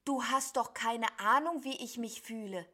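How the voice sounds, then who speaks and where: A gloomy cloud creature from a storybook, put on by a woman, speaks in a soft, whining, mournful tone. It sounds sulky and weary, quieter than the narration around it. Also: on the high side, steady tone, a little slow. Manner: whiny, mournful.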